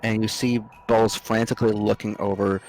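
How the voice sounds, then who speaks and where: A man narrating a tabletop game as game master, halting and descriptive as he improvises. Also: on the low side, little pitch movement, darkish tone, rough recording.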